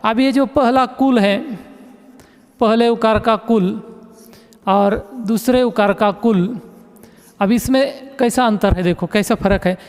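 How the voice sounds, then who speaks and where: A man's voice: high-pitched, takes it slowly, long pauses. A male teacher, giving a recorded class lesson and patiently repeating words as he explains them. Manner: patient, repeats words and keeps saying "look". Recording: echoey room reverb.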